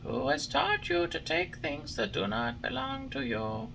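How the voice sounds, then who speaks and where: A man voicing a small female glowworm who gently scolds in a soft, slow, high voice. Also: very animated, creaky, slight background noise, exaggerated voice. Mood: gently scolding.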